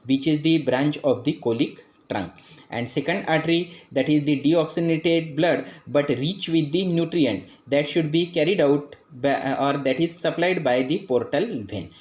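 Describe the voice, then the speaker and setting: Male anatomy lecturer, Indian English accent, slightly higher voice, methodical pointing-out delivery. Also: moderate pace. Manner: explains step by step, pointing out structures; frequent "that is" and "after then" phrasing.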